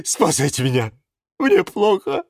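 A man's voice: big pitch swings, measured pace, dry recording, clean studio sound. A man voicing a dramatic, whiny male Venus flytrap who howls and wails. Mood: panicked. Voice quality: howling, wailing, shrill. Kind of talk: storybook narration.

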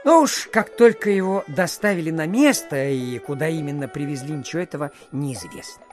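Playing a self-important, chatty provincial official in a theatrical audiobook, the actor digresses through animated tales full of filler phrases. His voice is on the high side and darkish, fairly quick and lively, close to an everyday voice. Faint music plays behind him.

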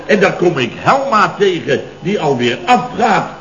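The actor pushes an exaggerated, high-pitched, sing-song male voice with a fairly bright tone, unhurried in delivery and carrying a Netherlands Dutch accent. He plays a blustering, put-upon, middle-aged building contractor boss in 1970s radio comedy, exasperatedly spinning long, indignant stories about mishaps. The old radio recording sounds dull.

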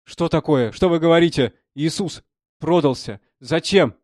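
A man voicing an excitable young portrait painter who talks loudly and insistently, in a storybook reading. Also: fairly high pitch, measured pace, dry recording, clean studio sound, voice pushed up, close to an everyday voice. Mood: frightened.

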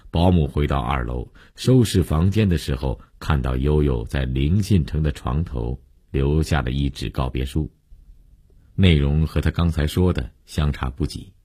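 A man narrating a story in a steady, measured audiobook style. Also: a bass voice, husky, no room sound, studio quality.

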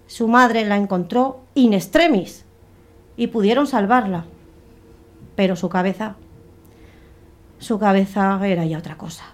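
Woman w a slightly high voice telling a dark tale, real dramatic, slows down n swells on the big bits. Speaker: storyteller. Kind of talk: dramatic story narration.

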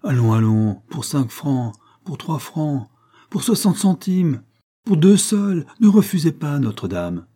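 Pushy market vendors calling out prices, climbing higher and louder with each cry, as a male narrator puts them on. The delivery is insistent and brash. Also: very animated, unhurried. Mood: hawking.

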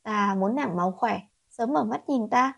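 A woman's voice: on the high side, unhurried, gravelly, fairly bright tone, breathy edge, full character voice. Woman reading a cold, commanding prince. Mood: resolute. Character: cold, possessive young prince, man.

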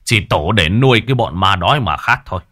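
A man voicing a calm, self-assured exorcist master who speaks in a slow, measured, authoritative way. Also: lowish voice, no echo, clean studio sound.

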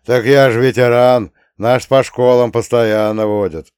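A man voicing a gruff, hard-drinking old male war veteran who grumbles and swears, in an audiobook. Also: mid-range voice, steady tone, a little slow, a little mellow, no echo, clean studio sound, natural voice. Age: older.

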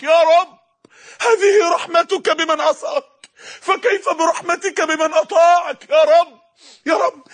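A man's voice: very high-pitched, fairly bright tone, voice pushed up. A male preacher voicing a repentant drunk man crying out to God, wailing and pleading.

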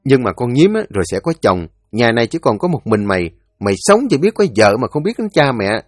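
A man's voice: medium pitch, sing-song, brisk, no echo, close to an everyday voice. A man voicing a blunt, threatening eldest brother. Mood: stern. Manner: blunt warning tone.

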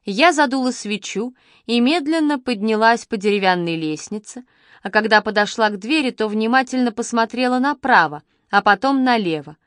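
A woman giving scripted first-person narration of an audiobook at a measured, even pace. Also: a little high, no room sound, studio quality.

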